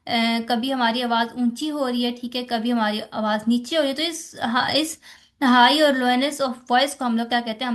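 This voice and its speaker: A woman's voice: on the high side, fairly bright tone. A woman with a Pakistani accent giving a lecture on phonetics, explaining step by step, asking rhetorical questions and checking in with "theek hai". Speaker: teacher. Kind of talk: exam-focused lecture on phonetics.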